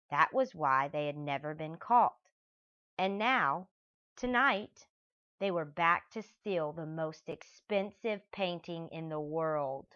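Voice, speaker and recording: A woman narrating a children's storybook in a slow, deliberate manner. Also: low-pitched, fairly bright tone. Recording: dull lo-fi recording.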